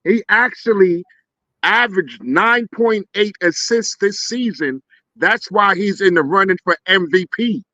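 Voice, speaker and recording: A man co-hosting a sports podcast, talking in an animated, teasing way. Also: high voice, a little slow, no room sound. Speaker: podcast co-host. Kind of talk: casual sports debate. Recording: dry, slightly dull mic.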